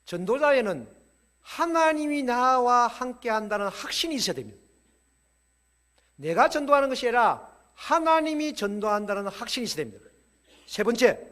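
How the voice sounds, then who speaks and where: Man, preacher, church lecture, high voice, very lively pitch, playful. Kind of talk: lively sermon-style lecture. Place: church hall with audience.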